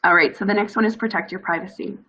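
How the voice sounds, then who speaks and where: Hoarse from a cold, a woman with a scratchy, froggy voice gives earnest, encouraging advice to new military spouses in an informal talk, using lots of fillers. Her medium-pitched voice is steady, fast and sharp with a breathy edge, and the recording sounds lo-fi.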